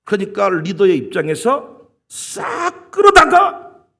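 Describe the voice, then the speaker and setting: Male pastor preaching, voice swings all over the place, kinda husky. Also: high-pitched, slow pace. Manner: animated, emphatic, dramatizes with quoted voices. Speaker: senior pastor. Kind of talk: sermon.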